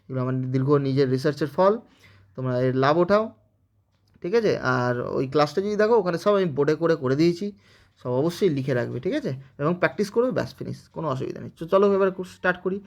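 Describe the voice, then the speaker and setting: Fast-talking bengali guy teaching grammar, keeps asking "okay?", bit high voice. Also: expressive, vocal fry. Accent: West Bengal Bengali. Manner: explains step by step with frequent "okay?" check-ins. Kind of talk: spoken grammar lesson.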